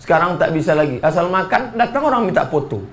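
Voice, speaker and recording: A male preacher delivers a joking sermon in a mosque. His voice sits high and sounds bright and forceful. He swings between slow, weighty phrases and quick, teasing asides, and now and then he shouts. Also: very animated, a little hiss or hum. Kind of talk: humorous sermon to a mosque congregation.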